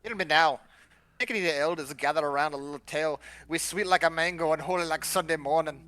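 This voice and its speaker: A playful storyteller with a broad Jamaican lilt and a slight lisp, as a man puts the accent on. The voice sits high and bright, and it rolls through the tale in a comic read-aloud way. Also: fast talker. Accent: put-on Jamaican.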